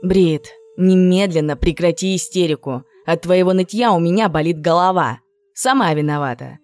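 A woman voicing a cool, superior young woman who schemes and gives orders in a measured, sly way. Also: lowish voice, darkish tone, close to an everyday voice. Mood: scolding.

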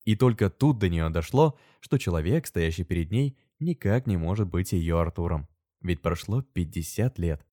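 Lower-voiced man telling a story expressively. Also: expressive, normal speed, warm tone, no echo, studio quality. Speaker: narrator. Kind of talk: audiobook narration.

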